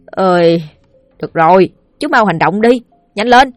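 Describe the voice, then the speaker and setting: A woman's voice: medium pitch, lively intonation, measured pace, no room sound, faint music behind, lightly acted. A woman voicing a bold young boy ghost hunter, urging and commanding in a raised voice. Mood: impatient. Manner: urgent, commanding.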